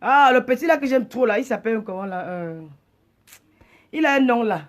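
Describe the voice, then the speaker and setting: A woman's voice: fairly high pitch, expressive, normal speed. A woman, hosting a livestream and delivering an indignant, scolding rant. She stumbles over repeated words as she talks. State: agitated. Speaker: livestream host. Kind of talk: heated live rant.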